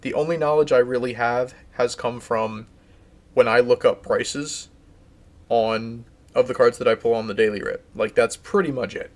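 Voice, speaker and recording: Live on stream, a man with a medium-pitched voice talks at normal speed, loosely rambling, restarting sentences and reading out comments from viewers.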